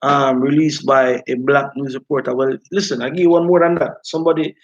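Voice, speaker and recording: Guy doing live rasta style commentary, creaky voice, kinda dull lo-fi audio. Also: medium pitch, steady tone, brisk, a little hiss or hum. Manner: repeatedly checks listeners follow. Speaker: host of a live talk stream. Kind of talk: informal live commentary, reading out viewer comments.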